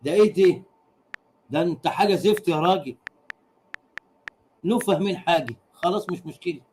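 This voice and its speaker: A rowdy Egyptian man with a fairly high voice hosts a casual livestream. He teases his audience, repeats the same punchline again and again, and breaks into laughter between crude jokes. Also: a little fast, darkish tone, a little hiss or hum. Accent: Egyptian Arabic. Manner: laughs often while talking. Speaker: livestream host.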